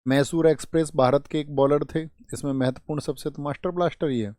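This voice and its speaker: Man quizzing a class with brisk questions. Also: fairly high pitch, steady tone, mellow, no echo, studio quality. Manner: quizzing, asks then answers his own questions; scolding, exasperated at times. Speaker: teacher. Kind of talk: online exam-prep class. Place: online class studio.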